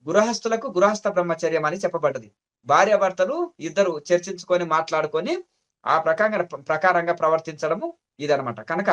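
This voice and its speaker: A man's voice: sits high, fairly bright tone. A man teaches spiritual discipline. He explains each rule with homely examples and keeps asking his listeners rhetorical questions. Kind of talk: sermon.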